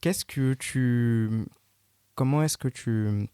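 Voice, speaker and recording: A man with a dark, mellow voice hosts a casual interview podcast. He talks in a relaxed, searching way, often restarting his questions. The recording is close and dry. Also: mid-range voice, very slow, clean tone, dry recording. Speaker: podcast host.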